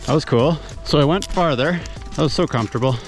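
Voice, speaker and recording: A man's voice: fairly high pitch, quick pace, over music. A man in a casual outdoor vlog, talking in a slangy, stoked frat-bro way. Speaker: mountain bike vlogger. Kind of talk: casual vlog talk while riding. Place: outdoors on a bike trail.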